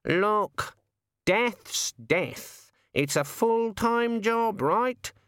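Man putting on a cocky raven, higher voice, slow drawl, grumbly and chatty, dry close sound. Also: lively intonation, a bit bright, clean tone, dry recording, full character voice. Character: cocky talkative male raven, working-class.

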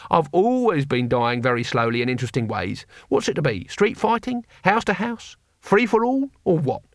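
A man voicing an old, blunt male barbarian hero who talks gruffly and cheerfully. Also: fairly high pitch, sing-song, normal speed, no room sound, studio quality.

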